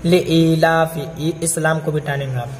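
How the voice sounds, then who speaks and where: A man teaching Quran recitation, chanting each verse slowly and then explaining pronunciation quickly, often checking with "theek hai?". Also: fairly high pitch, steady tone, darkish tone, big-room sound, faint music behind.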